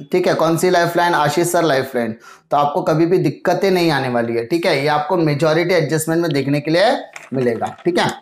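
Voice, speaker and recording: Guy teaching commerce class, explains step by step, roomy echo. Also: fairly high pitch. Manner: explains step by step, asks and answers his own questions; mixes Hindi with English terms. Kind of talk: accounting lesson. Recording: echoey room sound.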